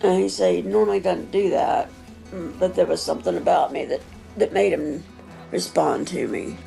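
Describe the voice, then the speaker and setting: A woman's voice: lowish voice, normal speed, creaky, warm tone, soft background music. A woman in her sixties speaking in a documentary interview, earnest and effusive. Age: 60s.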